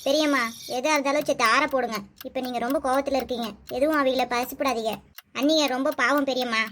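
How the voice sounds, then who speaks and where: A woman voicing the young wives in a family cartoon serial, arguing and talking fast. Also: high-pitched, fairly even intonation, fairly bright tone, slight background noise. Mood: worried. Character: young village wives, quarrelsome and worried.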